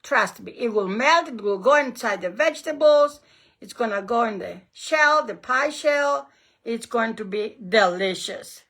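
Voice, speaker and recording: Woman, Greek accent, bright tone, slow pace, cooking instructor, encouraging, emphatic, repetitive phrasing. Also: fairly high pitch, expressive. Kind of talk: hands-on recipe demonstration.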